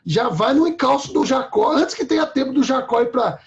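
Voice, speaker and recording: A man's voice: very high-pitched, animated, fairly quick, muffled recording. A man preaching a sermon in a conversational way, often checking in with his listeners.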